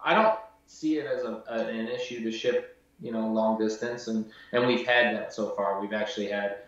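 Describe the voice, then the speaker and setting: A man's voice: on the low side, fairly even intonation, normal speed, fairly bright tone. A man talking casually as an interview guest, rambling with many fillers. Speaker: guest, gun builder. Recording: echoey, distant, muffled.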